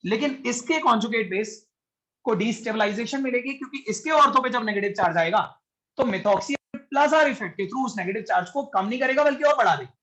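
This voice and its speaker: A man's voice: very high voice, lively intonation, brisk, fairly bright tone. Male chemistry teacher, live class lecture; patient step-by-step explainer who keeps checking understanding, drops English terms into his talk. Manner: explains step by step, often checks if students follow; mixes English science terms into Hindi. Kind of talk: classroom lecture with online students.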